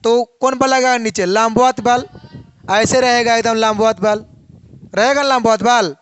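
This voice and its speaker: High-voiced man teaching a physics lesson. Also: steady tone, a little slow, a bit bright, a little hiss or hum. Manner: asks questions and answers them himself.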